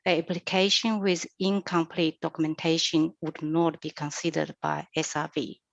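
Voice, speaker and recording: Measured woman reading formal council advice. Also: sits low, little pitch movement, gravelly, no echo, muffled recording. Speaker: council CEO.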